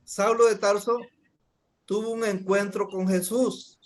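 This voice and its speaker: A man's voice: high voice, flat delivery, unhurried. A man preaching a sermon, emphatic, often calling his listeners brothers.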